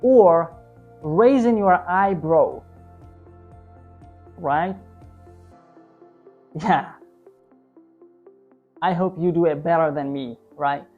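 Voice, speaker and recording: A woman's voice: fairly low pitch, drawn-out words, long pauses, phone-quality sound, soft background music. A woman teaching an online English lesson, explaining tips and often checking in with "right?". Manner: tags many sentences with "right?"; coaching, repetitive explanation.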